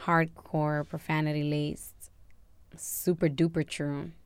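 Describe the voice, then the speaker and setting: A woman's voice: low voice, flat delivery, takes it slowly, clean tone, no room sound. A young woman co-hosting a podcast, talking candidly and bluntly in casual chat, often laughing. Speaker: podcast co-host.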